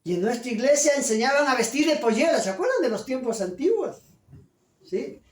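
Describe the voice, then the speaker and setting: Pastor mayor predicando con eco de iglesia. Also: male voice, very high-pitched, very animated, a little fast. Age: older. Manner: emphatic preaching, asks the congregation questions. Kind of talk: sermon. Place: church hall. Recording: roomy church hall echo.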